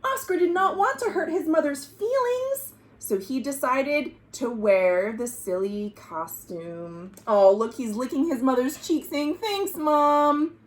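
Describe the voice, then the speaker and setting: With a high-pitched, animated voice, an American woman reads aloud at a children's storytime, stopping to clarify words and ask her young audience questions.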